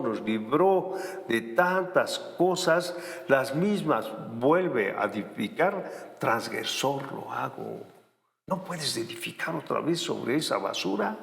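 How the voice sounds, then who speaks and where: A man preaching a sermon, animated and given to sarcastic asides. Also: mid-range voice, vocal fry, in a large hall.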